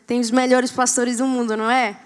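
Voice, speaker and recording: A woman's voice: a little high, level tone, a little fast, clean tone. A young pregnant woman from Colombia, preaching as a guest pastor in a church. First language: Spanish. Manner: warm, laughing, builds to loud preaching. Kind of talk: sermon. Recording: church hall reverb.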